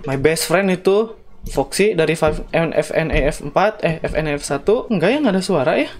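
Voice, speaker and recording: Excitable high-voiced young man gaming. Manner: excitable, shrieks at jump scares; slangy, mixes in English phrases. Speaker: gaming YouTuber. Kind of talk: let's play commentary.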